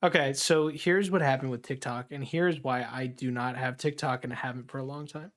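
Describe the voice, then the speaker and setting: A man's voice: medium pitch, fairly even intonation, normal speed, a bit bright. A young man chatting casually on a stream, laid-back, leaning on "like" and "dude" while grumbling about apps. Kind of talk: casual chat.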